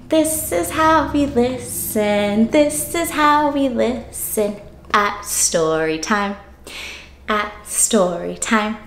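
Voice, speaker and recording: A woman teacher with a fairly high, slightly bright voice hosts an interactive read-aloud for young children, using an exaggerated, playful, child-directed delivery. Her voice sounds reverberant.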